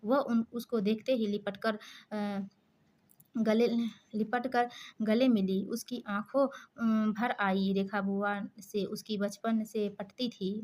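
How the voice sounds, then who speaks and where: Woman storyteller, moral story narration, flat even intonation, mid-pitched, small hesitations. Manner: steady reading with small hesitations.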